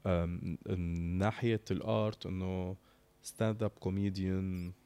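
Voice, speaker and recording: Interview guest, male, low voice, Syrian Arabic accent, reflective conversational delivery with English words mixed in. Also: little pitch movement, normal speed, dark tone.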